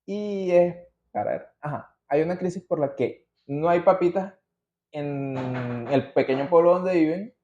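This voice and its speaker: Speaking at a measured pace, a Venezuelan man hosts a podcast in a mellow, somewhat high voice. His delivery is casual and digressive, slangy talk drawn from his notes, captured in a muffled, roomy recording.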